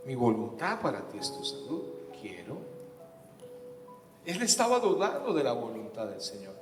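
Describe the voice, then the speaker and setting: A man preaching a sermon, animated and swinging from loud bursts to hushed asides. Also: on the high side. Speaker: pastor. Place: church hall. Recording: echoey church hall with faint music.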